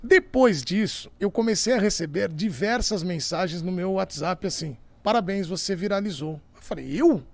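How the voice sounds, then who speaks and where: A sports reporter, a man, tells funny stories from his job on a podcast in a high voice. He slips into the people he describes and laughs along. His talk is casual and animated. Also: moderate pace, gravelly, few pauses. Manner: animated, acts out quotes with laughter.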